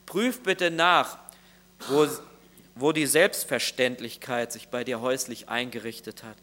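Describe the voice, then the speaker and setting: Bright-voiced man preaching earnestly. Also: mid-range voice, unhurried. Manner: earnest, addresses listeners directly. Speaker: pastor. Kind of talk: sermon.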